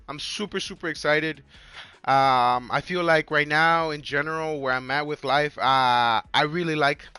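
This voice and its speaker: A man in his twenties chatting casually on a livestream with a hoarse, worn-out voice, rambling in slang and repeating his phrases. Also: mid-range voice, sharp tone. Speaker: live game streamer.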